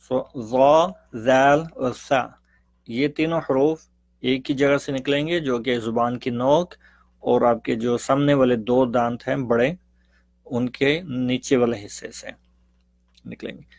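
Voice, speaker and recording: Slow, patient male recitation teacher. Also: medium pitch, steady tone, gravelly, a little mellow, dry recording. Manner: drills syllables slowly, then explains briskly. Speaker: Quran reading teacher. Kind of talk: recited pronunciation lesson.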